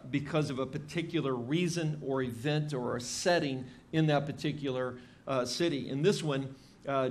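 Pastor, man in his 50s, mid-pitched, easygoing sermon delivery full of fillers, lectern mic in a church. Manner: conversational, many fillers and restarts. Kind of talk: expository sermon. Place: church stage with drum kit behind.

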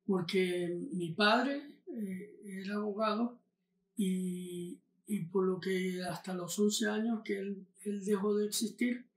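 An older man from Honduras, a podcast guest talking casually in a halting way with many fillers and restarts. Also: sits high, fairly even intonation, reverberant, slight background noise. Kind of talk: casual interview conversation.

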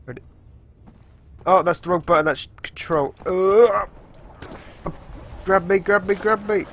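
A man's voice: sits high, unhurried, a bit bright, a little hiss or hum. A man giving casual let's play commentary, joking and swearing as he reacts to the game.

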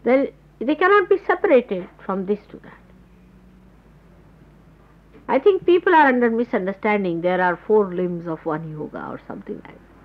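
Woman spiritual teacher, explanatory and unhurried, heard on a lo-fi old tape. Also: mid-range voice. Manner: explanatory, gropes for words with pauses. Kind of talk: spoken spiritual talk to followers. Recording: dull lo-fi 1979 tape recording.

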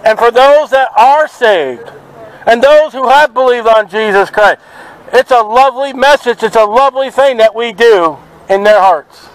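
A man preaching outdoors at a market, forceful and confrontational, quoting scripture to passers-by. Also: very high-pitched, a little slow, poor audio. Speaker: street preacher. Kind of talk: open-air street preaching. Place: outdoors at a city market by traffic.

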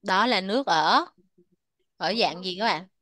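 A woman teaching English to children, switching between two languages and repeating words slowly so the class can echo them. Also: medium pitch, animated, a bit bright.

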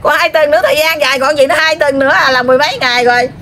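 A woman with a Southern Vietnamese accent speaks in trance, channeling an elderly grandmother spirit. Her voice sits a little high, and she scolds and rambles, circling back to the same points with drawn-out fillers, over a faint background hiss. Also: fairly even intonation, fairly bright tone. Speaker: spirit medium.

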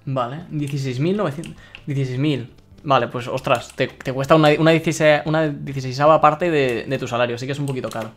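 A young man from Spain chatting excitedly while streaming a game and reading his chat aloud. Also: mid-range voice, quick pace, faint music behind. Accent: Spain Spanish. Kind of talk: live-streamed gameplay commentary.

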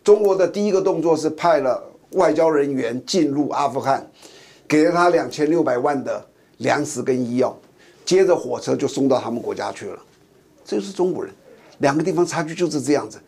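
Older man, ex-navy commentator; gravelly, rhetorical, pressing. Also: on the high side, animated, a little fast, darkish tone. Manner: emphatic, rhetorical questions, colloquial. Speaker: former navy captain, commentator. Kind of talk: talk-show commentary to camera.

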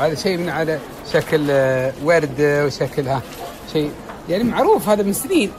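A man's voice: fairly high pitch, expressive, brisk, crowd noise, background noise. A middle-aged man with a Gulf Arabic accent, chatting and teasing as a travel vlogger. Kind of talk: casual vlog narration.

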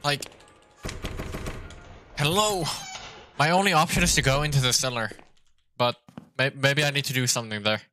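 A man's voice: mid-range voice, normal speed, long pauses, bright, forceful tone, a little hiss or hum. A young man commenting on his gameplay live from a small room, rambling and confused, stumbling over repeated words. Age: young adult. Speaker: streamer. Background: game music.

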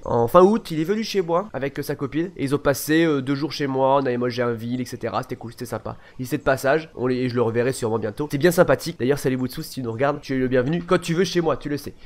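A man in his twenties answering viewer questions in a casual vlog, rambling and repeating himself as he goes. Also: medium pitch. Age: 20s. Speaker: gaming YouTuber and streamer.

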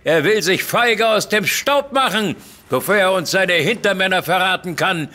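An actor playing a blustering, suspicious army general who accuses others loudly, in a radio play. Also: male voice, sits high, animated, normal speed.

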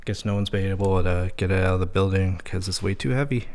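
Talking fast in a low, slightly mellow voice, a Texan man gives laid-back commentary as he tours an abandoned house indoors. The audio comes from a handheld camera mic, and as an urban explorer host he remarks on whatever catches his eye.

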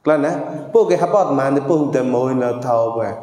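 A man's voice: medium pitch, fast talker, dark tone. A man giving a traditional verse performance, declaiming with frequent exclamations and sometimes slipping into sung lines. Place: monastery hall. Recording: echoey hall with long reverb.

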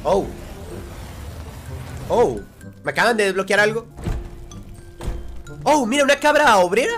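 A young man giving loud, jokey let's-play commentary as a gaming streamer. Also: high-pitched, measured pace, faint music behind. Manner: loud, excitable, jokey, shouts and laughs a lot.

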